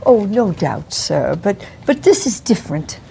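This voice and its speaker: A woman's voice: mid-range voice, very animated, a little slow, gravelly, mellow, a little hiss or hum. A woman playing a nervous, deferential Victorian landlady in a mystery role-play, with a stammering, frightened manner. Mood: frightened, pleading.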